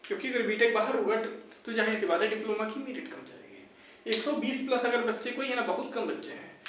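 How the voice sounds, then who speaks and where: A young YouTube presenter covering exam updates speaks fast in a high voice over a noisy background. He calls his viewers brothers and talks to them casually but insistently, repeating points while advising and spurring them on. It's recorded in a very echoey room with a distant mic.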